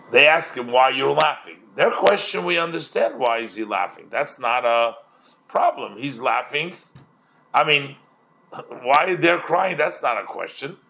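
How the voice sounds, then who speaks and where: Slow gravelly man teaching a Talmud story. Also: a little high, fairly bright tone. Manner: retells a story, then explains it, with many restarts. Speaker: Torah teacher.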